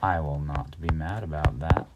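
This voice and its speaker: A man's voice: very deep voice, normal speed, lo-fi sound, heavy background noise. A man giving laid-back commentary over his own strategy game, narrating each move and chuckling at himself. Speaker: gaming youtuber. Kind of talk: casual gameplay commentary.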